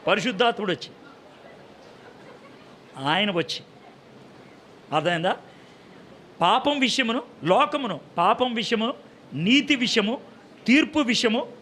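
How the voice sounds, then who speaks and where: A man's voice: very high-pitched, bright, forceful tone, slight background noise. A man preaching a sermon in speech, often putting questions to the audience and answering them himself. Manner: acts out short voices for a story with humor.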